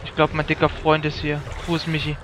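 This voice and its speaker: A man narrates his own gameplay with a slightly raised pitch, poking fun at himself as he goes. He yelps and shouts when something startles him. Clear game noise runs under his voice. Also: completely flat delivery, fast talker. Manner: jokey, self-mocking running commentary. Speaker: let's play gamer. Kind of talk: let's play commentary.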